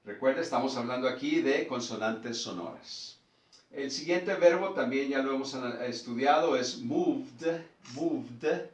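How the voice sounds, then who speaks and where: A man teaching a lesson, explaining patiently and repeating words slowly so learners can follow. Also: mid-range voice, reverberant, distant mic. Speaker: English teacher.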